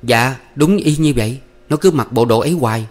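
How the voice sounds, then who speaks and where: A man's voice: mid-range voice, fairly quick, darkish tone, voice pushed up, natural voice. A man voicing a nervous young man who stammers and pleads with an older man. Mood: eager. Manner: anxious, stammering.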